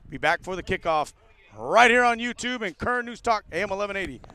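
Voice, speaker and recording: A man doing live play-by-play commentary of a college football game for a radio broadcast, rising with excitement on big plays. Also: sits high, brisk, slight background noise. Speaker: play-by-play announcer.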